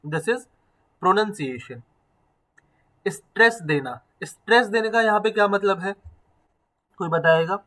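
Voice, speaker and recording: High-voiced man teaching a class. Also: animated, slow pace, pauses often, bright, forceful tone, poor audio. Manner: explains step by step, asks the class questions, mixes in English phrases. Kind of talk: classroom lecture.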